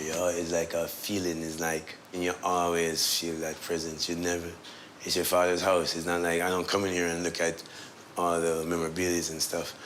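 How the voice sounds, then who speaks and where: A middle-aged Jamaican man telling relaxed stories, laughing often and trailing off as he talks. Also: sits low, a little hiss or hum. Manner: laid-back, laughs often, trails off and restarts. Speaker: son of the musician, tour guide. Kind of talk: relaxed storytelling.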